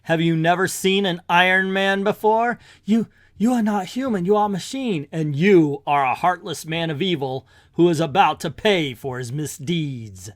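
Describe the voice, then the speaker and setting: A man's voice: sits high, normal speed, dry recording, clean studio sound, natural voice. A man voicing a heroic, vengeful armored hero from a comic book in a declamatory, grandly solemn way. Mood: defiant.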